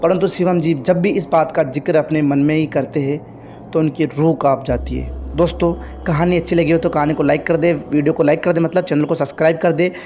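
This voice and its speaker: A man's voice: on the high side, fairly even intonation, brisk, darkish tone, slight background noise. A man casually narrating a horror story in a conversational way, with restarts and repetitions.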